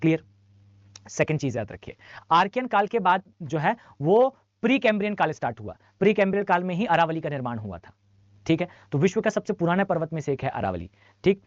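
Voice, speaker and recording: A man's voice: fairly high pitch, very animated, fairly quick, dry recording. Man drilling lists in an online class. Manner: drills lists by rote, repeating for students; mixes English phrases into Hindi. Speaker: teacher. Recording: dull dry lo-fi mic.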